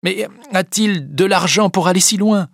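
Pleading young daughter, as a man puts her on, raised voice, slow, dry sound. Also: high voice, vocal fry, dry recording, voice pushed up, exaggerated voice. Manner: pleading questions. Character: earnest young woman, gentle daughter. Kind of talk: audiobook reading.

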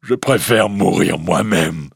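A kind, sorrowful storybook beast, as a man reads him aloud. He speaks in slow, earnest phrases, with a husky grain and a lively rise and fall. The sound is close and dry. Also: low-pitched, dry recording, full character voice. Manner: slow, earnest, pleading delivery. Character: gentle lonely male beast, sad and kind.

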